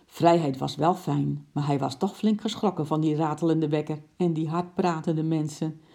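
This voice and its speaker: Low, gravelly woman reading a story. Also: moderate pace. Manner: lively, expressive narration. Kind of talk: children's story read aloud.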